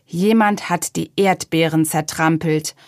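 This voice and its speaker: A woman's voice: low-pitched, steady tone, unhurried, no echo, studio quality. A woman voicing a grumbling little male apple man in a storybook reading, with a scolding, suspicious manner.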